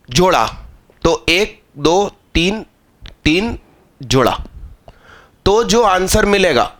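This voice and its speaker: A man's voice: high-pitched, a bit bright. A male math teacher giving a live exam-prep lecture, explaining step by step and scolding students into understanding.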